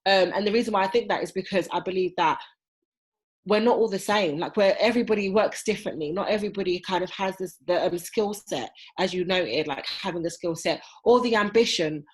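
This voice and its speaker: A woman appearing as a podcast guest, speaking earnestly and weighing her views out loud. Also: medium pitch, fairly quick. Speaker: podcast guest, diversity specialist. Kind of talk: conversational podcast interview.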